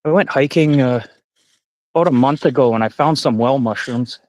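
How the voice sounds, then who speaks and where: Canadian man in his 40s, live-stream hiking vlogger, rambling profane chatter, dry close sound, mid pitch. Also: normal speed, darkish tone, no room sound, poor audio. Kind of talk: casual live-stream chat while hiking. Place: outdoors on a forest trail.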